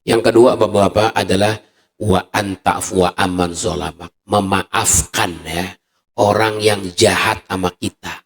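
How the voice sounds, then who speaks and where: A man's voice: sits low, steady tone, unhurried. Male preacher in an echoey mosque. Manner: colloquial, addressing the congregation. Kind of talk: sermon with storytelling.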